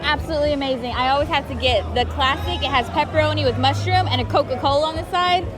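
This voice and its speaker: A woman's voice: sits high, quick pace. An enthusiastic woman chatting casually in a vlog. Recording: music and crowd behind.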